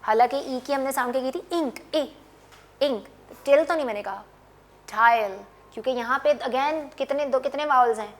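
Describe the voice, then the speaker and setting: A woman teaching an English phonics class, her voice sitting a little high. She draws out each example word and repeats it with emphasis, pausing to quiz her students. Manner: drawn-out, emphatic word repetition.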